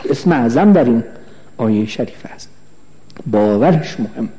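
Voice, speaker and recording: A male cleric giving a religious lecture, slow and emphatic, repeating phrases and asking the audience questions. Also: mid-range voice, expressive, warm tone. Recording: long hall reverb.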